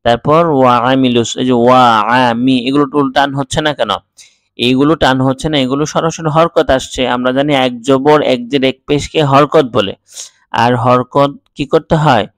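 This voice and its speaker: A man of middle pitch teaches Quran reading at an unhurried pace, drawing out each syllable. His voice is smooth and resonant, recorded close and dry in a quiet room. Between spelled syllables he explains the rules in faster, plain talk. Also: fairly even intonation, no echo. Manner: spells letters and vowel marks slowly, then explains quickly. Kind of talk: slow syllable-by-syllable recitation lesson.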